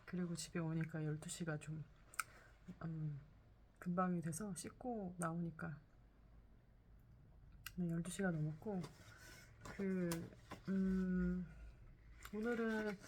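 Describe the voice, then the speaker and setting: A woman in her forties, vlogging casually about her day and reading from a book, with frequent soft fillers. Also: on the low side, slight background noise. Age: 40s. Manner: soft-spoken, many "음" and "네" fillers.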